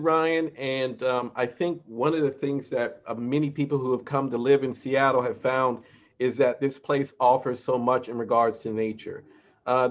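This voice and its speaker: Male host for an online nature event, mid pitch, slightly muffled lo-fi audio, easygoing. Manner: relaxed, reflective, many fillers. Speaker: host of virtual bird walk. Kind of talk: casual moderating.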